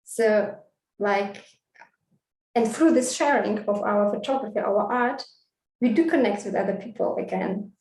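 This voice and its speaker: Slow-talking woman, echoey and distant. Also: medium pitch, darkish tone, a little hiss or hum. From Russia and Vietnam. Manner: thoughtful, hesitant with many fillers. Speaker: guest speaker, street photographer. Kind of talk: online festival talk. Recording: echoey room, distant mic.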